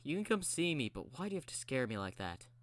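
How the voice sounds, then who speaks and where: A man's voice: mid-range voice, big pitch swings, fast, a bit bright. A man voicing a nervous young male dock worker who is jumpy and apologetic. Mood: exasperated.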